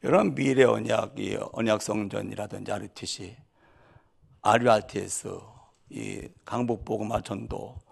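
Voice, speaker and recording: A man's voice: fairly low pitch, steady tone, normal speed, gravelly, breathy edge. A man preaching a sermon as pastor, dramatic in delivery, asking the congregation rhetorical questions and acting out quoted voices. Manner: acts out quoted voices with sudden loud outbursts.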